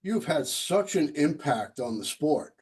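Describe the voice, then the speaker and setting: A man's voice: on the high side, big pitch swings, unhurried, breathy edge. A man hosting a podcast, asking questions and cracking jokes. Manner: joking, asks questions. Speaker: podcast host. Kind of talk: casual interview.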